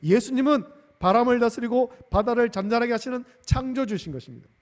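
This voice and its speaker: A man's voice: very high-pitched, expressive, fast. A male pastor preaching a sermon emphatically, repeating key phrases and calling out hallelujah. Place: church sanctuary. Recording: long church-hall reverb.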